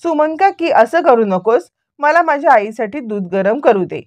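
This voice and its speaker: A woman's voice: high voice, expressive, moderate pace, no echo. A woman quoting an insistent, stubborn young woman. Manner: insistent, pleading.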